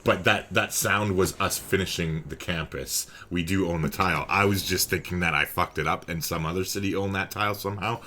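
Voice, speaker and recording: A man's voice: low voice, fairly even intonation, fairly quick, few pauses, pushed and bright, slight background noise. A man giving casual, enthusiastic strategy game commentary, chatty and swearing freely.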